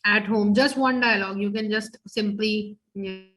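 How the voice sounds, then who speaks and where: A woman's voice: mid-range voice, steady tone, moderate pace, a bit bright, soft background music. A woman teaching French over a video call, explaining each phrase in English and quizzing her students. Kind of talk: online class teaching.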